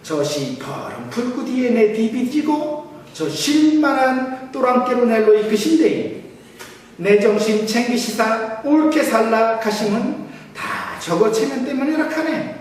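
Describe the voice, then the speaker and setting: A man putting on a Gyeongsang dialect as a brash, hearty local, loud and emphatic. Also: extremely high pitch, expressive, unhurried, a little hiss or hum, voice pushed up. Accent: Gyeongsang dialect, put on. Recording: echoey church hall, mic far off.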